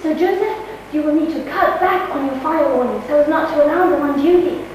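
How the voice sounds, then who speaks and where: A woman's voice: high-pitched, a little fast, darkish tone, a little hiss or hum, lightly acted. A woman playing a bossy daughter who hatches plans in an amateur stage play. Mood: scheming. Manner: bossy, plotting. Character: scheming bossy young daughter. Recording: far-off mic in echoey hall.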